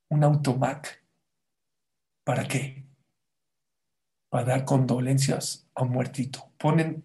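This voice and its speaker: A fairly high-voiced man teaches a Torah lesson in an animated way. He jumps from loud, emphatic points to quiet, hushed asides and keeps firing rhetorical questions at his listeners.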